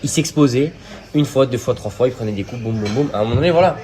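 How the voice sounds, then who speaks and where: A man with a French accent in a casual podcast chat, breaking down the fight in quick, assertive analysis. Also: mid-range voice, animated. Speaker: podcast co-host.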